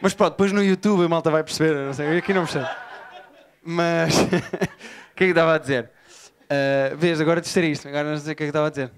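A man from Portugal with a Lisbon accent, performing an animated, profane stand-up set and riffing with the crowd. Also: a little high, quick pace. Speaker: stand-up comedian. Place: comedy bar before a live audience. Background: audience laughter.

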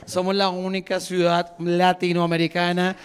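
A man in his thirties with a Bogotá Colombian accent doing an animated stand-up routine in a comedy bar, jumping into high voices for characters. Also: moderate pace, noisy background. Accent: Bogotá Colombian Spanish. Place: comedy bar stage with live audience. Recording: live crowd laughter behind.

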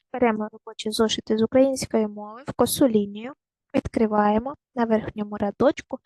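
A woman teaching a recorded primary school lesson, giving clear, patient step-by-step instructions to young children. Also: a little high, a little mellow, dry recording, low-quality recording.

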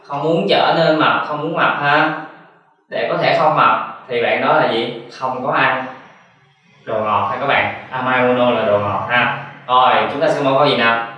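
Male teacher, mid pitch, asks questions and answers them himself, recorded far off in a very echoey room. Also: pushed and bright, lo-fi sound. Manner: slow, drilled repetition of example sentences. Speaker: Japanese teacher. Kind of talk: language lesson.

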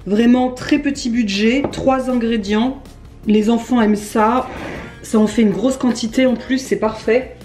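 A woman's voice: on the high side, steady tone, measured pace, a little mellow. A woman in her thirties chatting casually as she cooks at home and explaining each step of a recipe. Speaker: cooking vlogger. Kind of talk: casual cooking vlog. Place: home kitchen, indoors. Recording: echoey kitchen, music behind.

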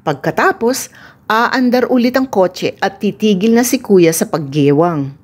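Woman gently reading a children's storybook. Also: medium pitch, expressive, a little slow, husky. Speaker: storybook reader. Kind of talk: children's storybook read-aloud.

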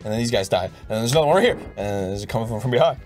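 A young man co-hosting a casual gaming chat, rambling and repeating himself between bursts of loud laughter. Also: on the low side, expressive, racing, soft background music. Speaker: co-host. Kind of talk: casual chat over a video game.

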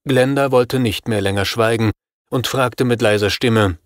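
Male narrator, audiobook, first person, measured, mid pitch, dry booth sound. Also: dry recording.

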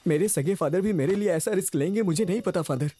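उत्साही, हुक्म चलाता जवान दूल्हा. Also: male voice, high voice, fast, husky. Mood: excited. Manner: excitable, bossy comic lead. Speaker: groom-to-be, lead friend. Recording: film dub over music.

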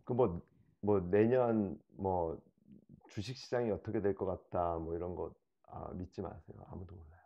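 Male interview guest, middle-aged, low voice, halting and casual, slightly muffled room sound. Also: steady tone, gravelly. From South Korea. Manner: slow, halting delivery. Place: small living room, on a sofa indoors.

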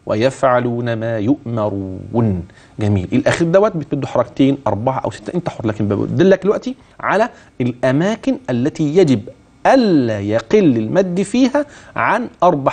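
A man with an Egyptian accent teaching Quran recitation on TV, asking and answering his own questions and chanting verses slowly to demonstrate. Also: a little high, a little mellow. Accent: Egyptian Arabic. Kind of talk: TV recitation lesson, explaining and demonstrating. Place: TV studio.

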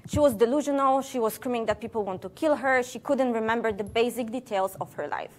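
A woman scientist giving a public science lecture with a somewhat high voice. She talks playfully, throws questions at the audience and slips jokes in between the facts. Her delivery is animated and conversational. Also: a little fast.

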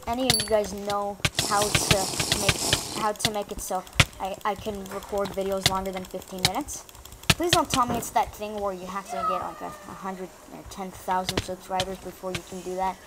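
A woman's voice: mid-range voice, steady tone, normal speed. Woman, casual game commentary, rambling, self-deprecating, heavy background hiss. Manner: rambling, self-mocking, chatty. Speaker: gaming YouTuber.

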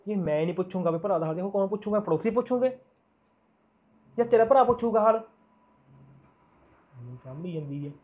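A man's voice: high voice, lively intonation, a little fast, pauses often. An actor playing a young husband who defends caring about his brother, in a short drama. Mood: defensive. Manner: defensive, hushing. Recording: dull lo-fi sound.

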